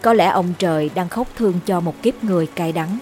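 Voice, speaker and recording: Calm woman telling a ghost story. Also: fairly low pitch, fairly quick, soft background music. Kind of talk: scripted narration of a ghost story.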